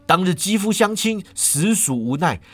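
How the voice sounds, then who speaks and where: A man's voice: a little high, lively intonation, normal speed. A man voicing an earnest young martial-artist healer who protests his innocence, pleading and flustered. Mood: defensive.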